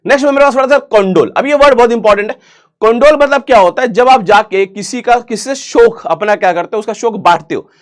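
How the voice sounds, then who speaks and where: A young man with a fairly high voice teaches vocabulary online, quizzing his listeners and answering himself. He jokes as he goes, and his English words carry an Indian accent. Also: fast talker. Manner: chatty, jokey, asks and answers his own questions. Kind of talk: online exam-prep vocabulary lesson.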